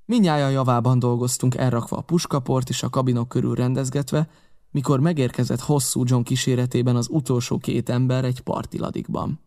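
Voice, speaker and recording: Man narrating an adventure audiobook. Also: medium pitch. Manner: steady storytelling. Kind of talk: first-person novel narration.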